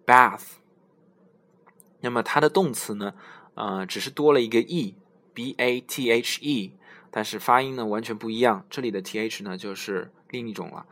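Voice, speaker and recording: A man giving a pronunciation lesson, explaining in Chinese and slowly modelling English words several times. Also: fairly low pitch, a bit bright. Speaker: English teacher.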